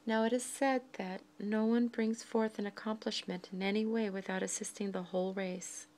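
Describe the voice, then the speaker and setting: Short phrases and frequent pauses mark this woman's slow, deliberate guided meditation. Her voice is soft and breathy, medium in pitch, with a level tone.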